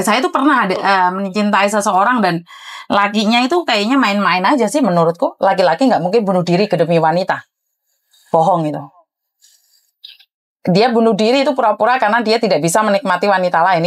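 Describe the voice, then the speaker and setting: A woman with an expressive, medium-pitched voice talks a little fast as host of an advice show. In this advice chat she gives a caller frank, lecturing guidance.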